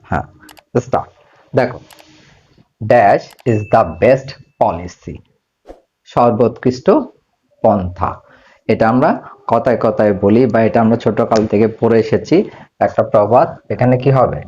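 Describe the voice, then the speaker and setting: A man's voice: on the low side, a little mellow. Man teaching English grammar. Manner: asks questions and answers them himself; slows down to spell out English words. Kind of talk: grammar lesson. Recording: slightly dull lo-fi audio.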